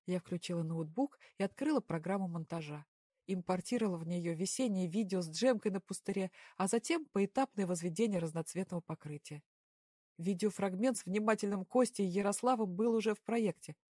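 A woman narrating a first-person story in a calm, even audiobook style. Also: mid-range voice, a little fast, no room sound, studio quality.

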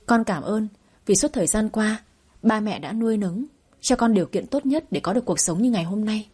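A woman's voice: mid-range voice, brisk, mellow, slightly rough, lightly acted. A woman storyteller voicing an earnest young adult son who pleads with his parents in a spoken audio story.

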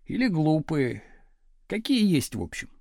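A stern young teacher with a dry, clipped way of giving orders, as a male narrator reads him. The voice sits high and swings widely in pitch. It is recorded close and dry, with no room sound. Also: very animated, measured pace, darkish tone, dry recording. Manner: dry, curt, commanding. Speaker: school teacher.

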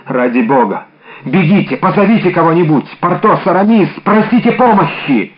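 A man's voice: medium pitch, sing-song, normal speed, lightly acted. An impulsive young musketeer, read by a man in an audiobook, his voice urgent and full of feeling. The sound is dull and lo-fi. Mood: frantic. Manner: urgent, emotional. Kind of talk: audiobook character reading.

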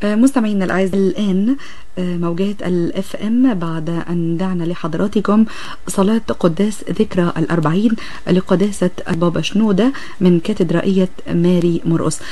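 A woman's voice: lowish voice, fast talker, warm tone. An Egyptian woman working as a radio continuity announcer, making formal live announcements with some hesitation.

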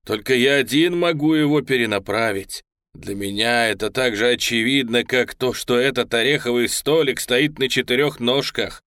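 A man voicing a feverish, grandiose man who believes he alone can change history, speaking with manic excitement. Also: mid-range voice, moderate pace, dry recording, studio quality, close to an everyday voice. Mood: fervent.

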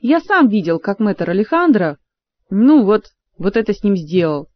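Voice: medium pitch, very animated, normal speed, dry recording, natural voice. A sulky young man sniffles and snaps back, as an audiobook reader puts him on. The sound is dry and a touch dull.

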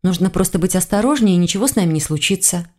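A woman's voice: lowish voice, animated, fast talker, darkish tone. A woman reading an audiobook, voicing a thoughtful young woman who reasons carefully aloud. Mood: matter-of-fact.

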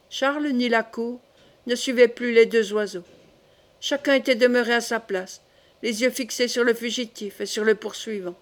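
A woman reading a classic French novel aloud as an audiobook, steady and literary. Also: on the high side. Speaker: audiobook reader. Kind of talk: audiobook narration.

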